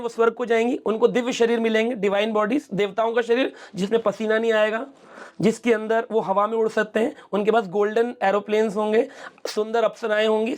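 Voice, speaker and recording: A middle-aged man, a spiritual speaker, explaining scripture in an interview and acting out quoted speech as he tells stories. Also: high-pitched. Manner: storytelling, mixes English words, acts out quoted speech.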